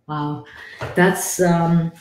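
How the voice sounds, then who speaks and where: A woman's voice: fairly low pitch, slight background noise. A woman in her fifties, a medium hosting a live stream, talking bluntly with swearing and calling her guest sweetie. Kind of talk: casual live-stream chat. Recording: roomy echo.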